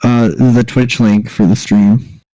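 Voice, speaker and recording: A man's voice: medium pitch, flat delivery, slow pace, mellow, no room sound, rough recording. A man playing in a tabletop game, laid-back and casual, swearing and laughing often. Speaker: player.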